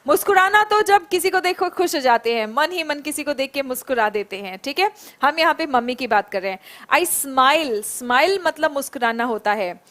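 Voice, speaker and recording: A woman teaching a live online spoken English class, praising students by name and drilling phrases slowly. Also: high-pitched, lively intonation, a bit bright. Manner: encouraging, calls students by name and praises them.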